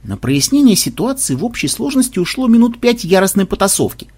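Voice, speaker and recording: A man narrating an audiobook with expressive, animated delivery. His pitch ranges widely, and the voice is husky and breathy. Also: a little fast. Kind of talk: audiobook reading.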